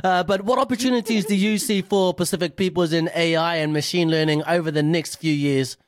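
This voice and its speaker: A man hosting a radio interview, relaxed and friendly, joking easily with his guest. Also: a little high, brisk, dry recording, studio quality. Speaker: radio host.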